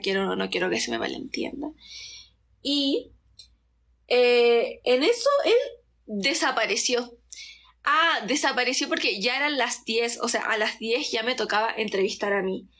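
Young woman, faint Chilean accent, casual makeup-vlog storyteller, slightly high voice, easily distracted. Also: lively intonation, a little slow, fairly bright tone. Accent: Chilean Spanish, softened by Mexican. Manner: chatty, easily distracted, rambling with many fillers; drops into whispers now and then. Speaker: content creator. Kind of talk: casual story time while doing makeup.

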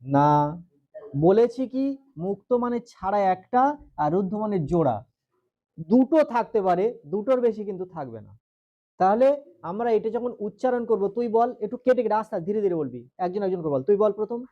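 A man with a high, expressive voice teaches grammar in a classroom, speaking fairly quickly with a West Bengal Bengali accent. He quizzes and drills his students, drawing out syllables, and the sound is dull.

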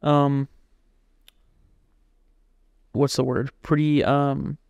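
A man co-hosting a casual podcast chat, telling stories in an animated way, acting out folksy voices and swearing casually. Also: medium pitch, extremely slow, vocal fry, clear, resonant tone, no room sound, highs cut off. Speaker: podcast co-host.

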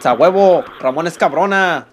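A man's voice: a little high, moderate pace. A man with a Mexican accent giving rowdy, playful commentary over a match, breaking into yelps and slangy exclamations. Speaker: gaming commentator. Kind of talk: excited let's-play commentary.

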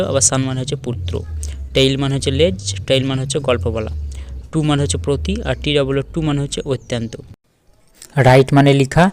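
A man's voice: mid-range voice, a little mellow, slight background noise. A man teaching English vocabulary, steadily listing each word with its meaning in a Bangladeshi Bengali accent. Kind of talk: classroom-style vocabulary lesson.

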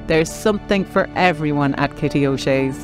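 A woman's voice: low voice, normal speed. A woman with an Irish accent presenting a travel programme in scripted narration. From southern Ireland. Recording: light music behind the narration.

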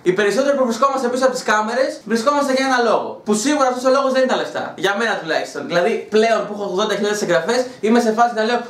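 A man rants in a casual home vlog, crude and mocking, with a sarcastic bite. His voice sits high for a man and swings widely in pitch. The room around him gives a noticeable echo. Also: expressive, hardly any pauses, a bit bright. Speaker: YouTuber. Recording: roomy echo.

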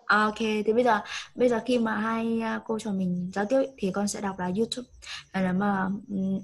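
A woman's voice: mid-range voice, fairly even intonation, normal speed, poor audio. A woman, teaching an online English lesson over a video call, patiently coaxing and repeating prompts.

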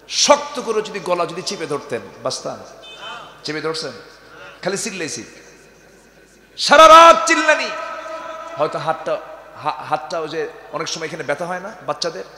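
A man preaching a waz sermon to a crowd. He keeps firing rhetorical questions at the audience and swings from hushed lines to shouts. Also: fairly high pitch. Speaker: Islamic preacher. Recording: echoey hall with long reverb.

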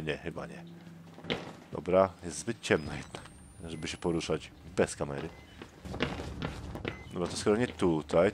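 A man with a fairly low voice talks his way through a horror game, tense and jumpy, muttering under his breath. His commentary rides over clearly audible background noise. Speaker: let's play gamer. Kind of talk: let's play commentary.

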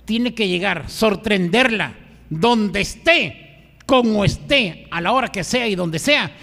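Bawdy old grandpa voiced by a man, high voice, comic stand-up double act, live reverb. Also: animated, slow pace, vocal fry, bright, forceful tone, full character voice. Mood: bawdy boasting. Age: older. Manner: bawdy, boastful punchline delivery. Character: crude randy old grandpa, boastful and bawdy. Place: stage or restaurant venue.

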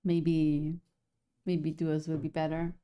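A woman streaming a game from home, chatting casually with viewers through a headset in a relaxed, chatty way and laughing often. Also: low voice, takes it slowly, clean tone. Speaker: gaming streamer. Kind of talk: casual chat to viewers while gaming.

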